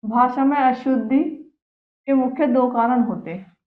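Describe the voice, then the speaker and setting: A female Hindi teacher leads a children's grammar class at a slow, careful pace, saying each word twice and asking the class questions. Her voice sits a little high. The sound is thin and tinny, with a roomy echo around it. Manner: patient, repeats each word twice and asks questions back.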